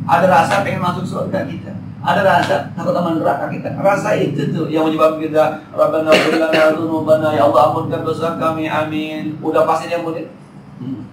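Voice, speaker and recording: A man in his 40s, an Islamic teacher, gives a chatty, joking religious study talk in a mosque hall, using slangy Jakarta speech. His voice sits on the high side. It's recorded from far off in an echoey hall, with slight background noise.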